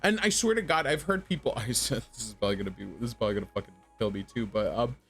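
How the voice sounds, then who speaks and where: A man's voice: mid-range voice, racing, gravelly, fairly bright tone, soft background music. A man doing casual livestream commentary in a blunt, profane, rambling way that stammers and repeats. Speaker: streamer reacting to a video.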